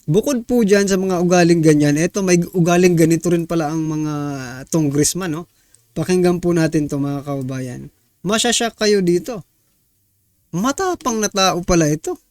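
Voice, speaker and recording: A man's voice: sits high, moderate pace, darkish tone, no echo. A man hosting a news reaction vlog, talking casually to viewers in an indignant, exasperated tone and tossing rhetorical questions at them. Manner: rhetorical, keeps asking viewers "ha?" and "no?".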